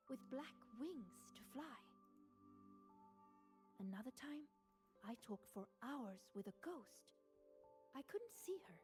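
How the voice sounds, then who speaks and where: A high, dreamy young woman from a video game, musing wistfully about her odd encounters. Her voice sits soft and warm rather than bright. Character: dreamy young woman who hunts the strange. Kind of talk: game character dialogue.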